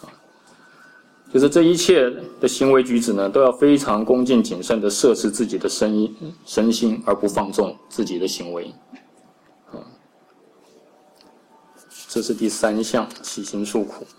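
Low-voiced Buddhist monk giving a slow scripture lecture. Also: male voice, a little mellow, slight background noise, poor audio. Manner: recites each passage slowly, then explains it with frequent "ah" fillers. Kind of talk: Dharma lecture explaining a text line by line.

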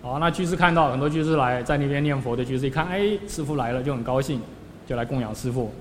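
A man's voice: medium pitch, quick pace. A man, a Buddhist monk, giving a storytelling sermon, acting out scenes with sudden rises and drops in his voice. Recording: long hall reverb with faint background noise.

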